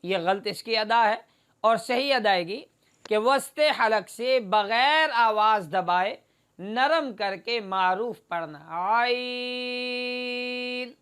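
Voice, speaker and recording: A woman's voice: medium pitch, fairly bright tone. A woman teaching a Quran recitation lesson, explaining each letter steadily and demonstrating the sounds by drawing them out and repeating them.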